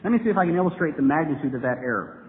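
Man, debate speech, emphatic, higher voice, long hall echo, tinny lo-fi hiss. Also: expressive, very fast. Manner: earnest, building to emphatic points. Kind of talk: debate speech to a live audience.

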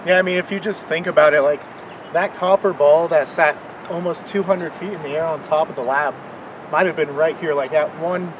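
A man's voice: on the high side, steady tone, brisk, background noise. A man co-hosting an exploration vlog, presenting chattily and enthusiastically while standing outdoors on a neighborhood street. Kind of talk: casual on-location presenting. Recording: distant voice with music bed.

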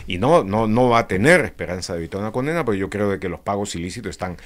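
A man, a guest on a political talk show, speaking in a measured way with frequent filler pauses. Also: lowish voice, lively intonation.

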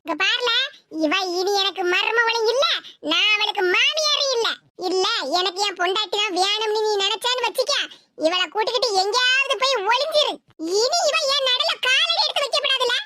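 A woman voicing a sharp-tongued, scolding village mother-in-law in a cartoon, with a Tirunelveli Tamil accent. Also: normal speed, very noisy. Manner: scolding, shrill and taunting. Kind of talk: cartoon voice acting.

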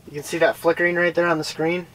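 A man's voice: on the high side, level tone, fast talker, fairly bright tone, low-quality recording. A young man explaining how he fishes, chatty and casual, inside a small ice fishing shelter on a camera-mounted mic. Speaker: fishing vlogger. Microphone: camera-mounted shotgun mic with windscreen.

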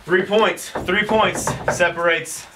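A man in his thirties hosts and plays an office golf challenge in a warehouse office, trading casual, competitive, joking banter. His high-pitched voice is slow-paced yet animated and excitable, picked up by a distant camera mic across the room with loud noise and clicks.

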